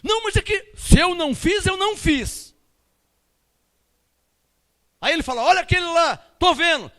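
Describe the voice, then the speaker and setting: A man preaching a sermon as pastor with a Brazilian Portuguese accent, emphatic and animated, switching between loud outbursts and quiet asides. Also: very high-pitched, moderate pace.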